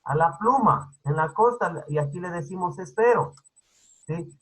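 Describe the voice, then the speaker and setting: This male teacher, giving an online class by video call, has a high, husky voice and sounds animated yet unhurried; the recording quality is low. His manner is instructive and repetitive, going over points again and checking in with "¿sí?"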